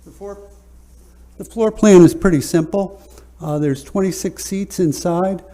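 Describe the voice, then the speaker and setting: A man, an architect presenting a project at a public hearing in a relaxed, joking way with many fillers. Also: high-pitched, unhurried. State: slightly out of breath at first.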